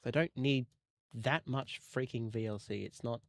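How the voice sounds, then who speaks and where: A man's voice: mid-range voice, moderate pace, gravelly, no echo, clean studio sound. A man chatting in a casual, jokey way on a livestream while he edits audio on his computer. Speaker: streamer editing rail audio.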